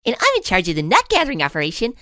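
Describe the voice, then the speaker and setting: Male narrator as a jittery little squirrel girl: fast, very high, bouncy. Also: huge pitch swings, sharp tone, no room sound, clean studio sound, exaggerated voice. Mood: eager. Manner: quick, jittery.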